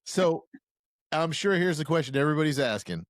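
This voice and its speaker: A man hosting a podcast in casual interview chat, joking and telling quick stories. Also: fairly high pitch, lively intonation, no room sound, studio quality. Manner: chatty, joking, quick storyteller. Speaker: podcast host.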